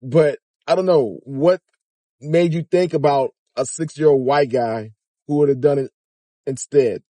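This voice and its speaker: A man's voice: medium pitch, unhurried, warm tone, dry recording. A middle-aged man giving informal commentary in a car, emphatic and challenging, with incredulous rhetorical questions. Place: inside a car.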